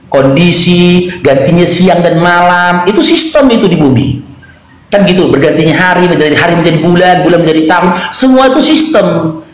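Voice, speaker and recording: A man's voice: fairly high pitch, roomy sound, low-quality recording. A man arguing his point step by step in a live online debate. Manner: argumentative, reasoning step by step. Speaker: debate participant.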